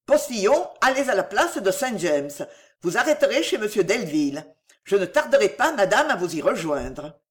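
A woman reading the part of an agitated, jealous young gentleman, tense and commanding in manner. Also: mid-range voice, very animated, moderate pace, lightly acted.

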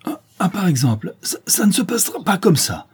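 A man's voice: medium pitch, brisk, dark tone, breathy edge, voice pushed up, close to an everyday voice. A man voicing a blustering, easily flustered police inspector in an audiobook, sputtering and indignant. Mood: furious. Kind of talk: audiobook character reading.

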